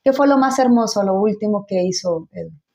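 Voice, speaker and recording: A woman's voice: medium pitch, lively intonation, a little fast, dark tone. A woman hosting a church interview program, who exhorts listeners in an uplifting, preaching way.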